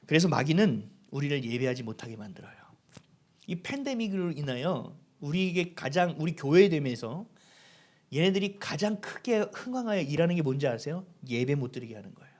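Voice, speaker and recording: A middle-aged man preaching a sermon as pastor, animated and acting out quoted voices. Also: fairly high pitch, fairly quick.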